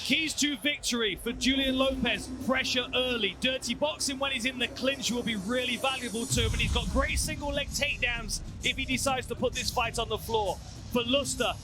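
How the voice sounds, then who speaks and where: A man giving technical colour commentary on a mixed martial arts fight, explaining moves and tactics. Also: very high-pitched.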